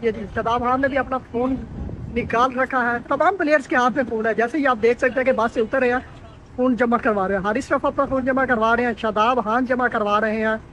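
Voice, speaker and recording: A male sports reporter narrates arrivals outdoors beside a bus, one name after another. His voice sits very high for a man. Faint street and engine noise hangs in the background. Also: a bit bright, poor audio. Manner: running play-by-play narration of arrivals. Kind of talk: live on-location commentary.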